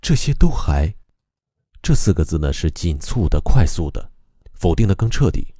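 A man teaching how to recite a poem, explaining calmly and methodically with frequent pauses. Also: low-pitched, dry recording, studio quality. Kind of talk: explanatory lesson on reading poetry aloud.

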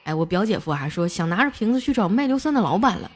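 A young adult woman hosting a comedy show, reading listener jokes aloud in a playful, lively way and chuckling at them. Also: quick pace. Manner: playful, chuckles at the jokes, jumps high for quoted voices. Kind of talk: lively comic joke reading. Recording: background music under the voice.

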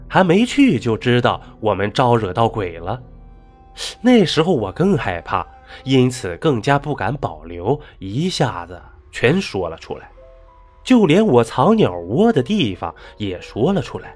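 A man's voice: mid-range voice, huge pitch swings, measured pace, a little mellow, soft background music. A man narrating a folk ghost story in a dramatic, rising and falling delivery.

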